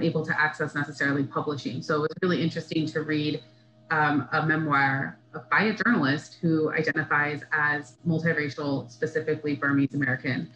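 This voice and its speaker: A woman's voice: low voice, fairly bright tone, dull audio. A woman who founded a book club, introducing the month's pick on a video call. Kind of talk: casual video-call discussion. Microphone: webcam on video call.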